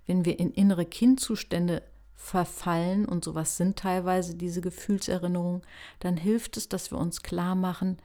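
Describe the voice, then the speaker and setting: Gentle, low-voiced German podcast woman. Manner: gentle, reflective, addresses listener directly. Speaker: podcast host. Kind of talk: calm self-help podcast talk.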